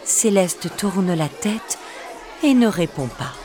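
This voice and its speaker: A woman reading a children's story aloud in a slow, expressive, sing-song way. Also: on the low side, some chatter behind.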